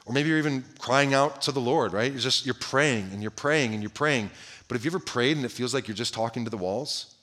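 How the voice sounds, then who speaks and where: A pastor delivers a sermon in a bright, forward voice that sits at an ordinary male pitch. He presses his listeners with one direct question after another. He repeats and restarts phrases and often lets the ends of lines fall almost to a murmur. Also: fairly quick. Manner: drops to a hushed voice at the ends of phrases.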